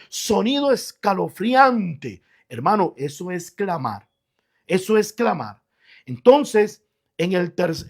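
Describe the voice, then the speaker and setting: High raspy-voiced preaching pastor. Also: male voice. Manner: preaching with rising emphatic bursts. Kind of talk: radio sermon.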